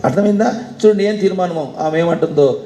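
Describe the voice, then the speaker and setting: A male pastor preaches in a high, mellow voice. He keeps putting rhetorical questions to his congregation. The sound is roomy and echoey, with faint ambience underneath. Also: fairly quick. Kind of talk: sermon.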